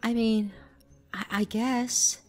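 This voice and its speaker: Shy teenage girl voiced by a man through a voice changer, slow and halting, stammering through every reply. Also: very high-pitched, steady tone, soft background music, voice pushed up. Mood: nervous. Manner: hesitant and stammering, with many ums and uhs. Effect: voice changer making a man sound like a girl. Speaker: online creator posing as a girl to catch a predator.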